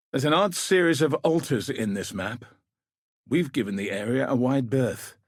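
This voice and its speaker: In scripted video game voice acting, an actor plays a gruff, dutiful male military commander, a quest giver sending a warrior into danger. His medium-pitched voice is husky and rough-edged, the delivery grave, dry, and clipped, with no room sound.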